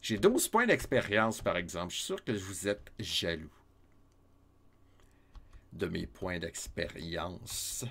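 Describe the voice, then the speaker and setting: Animated, slow-talking Québécois man. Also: sits low, creaky. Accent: Québécois French. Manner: playful, teasing, chuckling often. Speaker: let's-play streamer. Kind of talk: casual live gameplay commentary.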